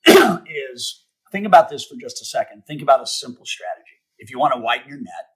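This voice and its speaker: A middle-aged man teaching sales on a podcast in an emphatic, coaching manner. His voice is bright and forceful with a husky edge, and he slows right down to drive each point home. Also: medium pitch, very animated, rough recording. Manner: emphatic, spells out acronyms slowly, acts out sample calls. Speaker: sales trainer and guest. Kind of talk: podcast interview, motivational teaching.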